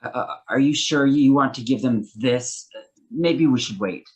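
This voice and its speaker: A man plays a timid young waiter who trips over his words, stammering on nearly every sentence. His voice sits at a middling pitch, hesitant and unsure. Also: moderate pace, close to an everyday voice, poor audio. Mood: nervous. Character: shy stuttering young man, waiter son. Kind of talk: amateur stage play.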